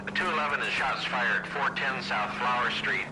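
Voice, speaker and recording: An actor playing a male police dispatcher in a video game, rattling off codes in a clipped, rapid manner over a police radio transmission. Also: mid-range voice. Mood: brisk. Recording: loud static over distant radio.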